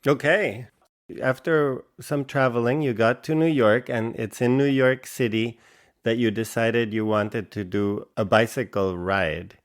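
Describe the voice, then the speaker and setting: A man hosting a podcast, asking curious, measured interview questions. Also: medium pitch, steady tone. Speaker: podcast host.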